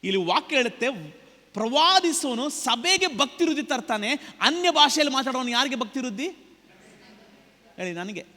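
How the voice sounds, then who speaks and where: A man's voice: very high-pitched, big pitch swings, moderate pace, long pauses, bright, forceful tone. A male pastor preaching a sermon, telling a story and then putting questions to his congregation. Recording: long reverb of a church hall.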